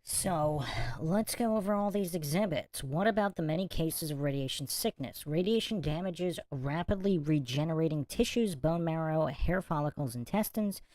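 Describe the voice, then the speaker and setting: A woman with a low, dark-toned voice hosts a livestream exposé. Her delivery is smug and sarcastic as she comments and reads from documents. The sound is dry and close. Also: moderate pace, dry recording, low-quality recording. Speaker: podcast host.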